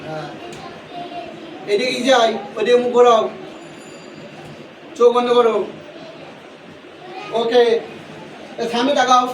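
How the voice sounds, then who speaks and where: A very high-pitched man leads a children's yoga class, giving short commands and repeating them over and over. He is heard from far off in a large, echoey indoor hall, with faint noise behind him. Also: expressive, slow, long pauses, a faint crowd. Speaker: yoga teacher.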